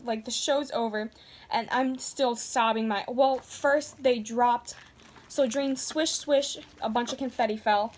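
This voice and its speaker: Gushing woman vlogger, fairly high voice. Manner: gushing, heavy use of "like". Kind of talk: casual storytelling to camera.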